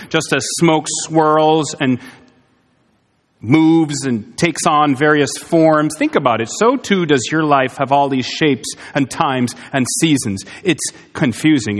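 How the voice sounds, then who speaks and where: A man's voice: on the high side, a bit bright. A man preaching a sermon, earnest and emphatic, asking his congregation rhetorical questions. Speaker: pastor. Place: church sanctuary. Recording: long hall reverb.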